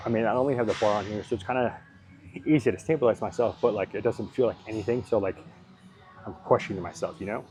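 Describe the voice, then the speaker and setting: A man's voice: on the low side, fast, darkish tone, soft background music. A man casually talking through his home workout, rambling and thinking aloud, hedging and swearing now and then. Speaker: fitness vlogger.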